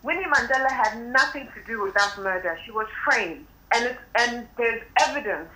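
A woman's voice: on the high side, normal speed, pushed and bright, slight background noise. A woman guest calling in by phone, speaking with emphatic, impassioned commentary. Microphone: telephone. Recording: tinny phone line, echoey.

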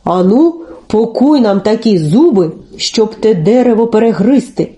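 A woman voicing greedy fairy-tale serpents in a low, gloating chant. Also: expressive, a little slow, dark tone. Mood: demanding.

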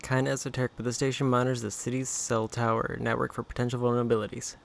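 A man's voice: medium pitch, little pitch movement, quick pace, vocal fry. A man giving casual, understated gameplay commentary, thinking aloud as he plays. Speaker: gaming video host. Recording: loud game audio under commentary. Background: video game sound.

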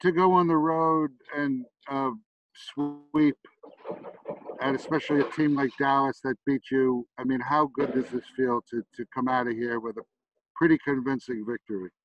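A male reporter asking a basketball player questions over a video call, a bit halting as he asks. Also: mid-range voice, fairly even intonation, no echo. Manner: halting, repeats words while asking. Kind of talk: press conference question. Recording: dull audio, faint noise.

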